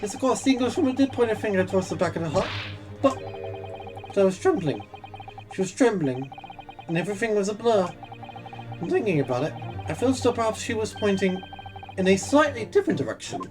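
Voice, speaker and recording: A woman voicing an excitable, indignant and evasive male witness in a game, in a put-on voice that keeps slipping. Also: mid-range voice, natural voice.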